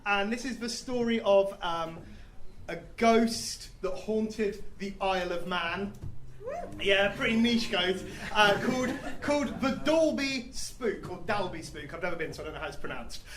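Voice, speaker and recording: A man's voice: sits high, a bit bright, reverberant. Rambling man telling a story on stage. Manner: rambling, self-deprecating, halting with fillers. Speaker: comedy musician. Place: comedy club stage.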